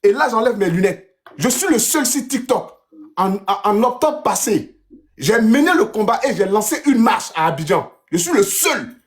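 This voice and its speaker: Man, TikTok debater, lecturing and insistent, very animated intonation. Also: high-pitched, normal speed. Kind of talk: heated live-stream argument.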